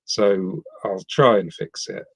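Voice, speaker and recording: On a dry, low-quality recording, a middle-aged man from the West Midlands of England, not Scotland, talks as a podcast guest in casual interview chat. He speaks slowly in a steady, lowish voice with a breathy edge, frequently pausing on ums and restarting his sentences.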